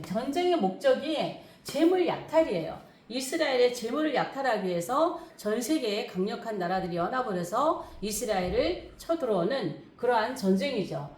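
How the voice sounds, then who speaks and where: A middle-aged woman pastor preaching a lecture-style sermon, her high voice leaping up and down as she presses each point. She repeats key phrases for emphasis. The sound is roomy and echoey.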